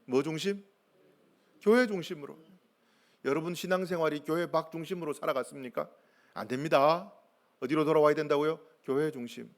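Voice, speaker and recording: Male pastor, high voice, gravelly, emphatic sermon, questions to the congregation. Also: brisk, pauses often. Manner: emphatic preaching with call-and-response questions.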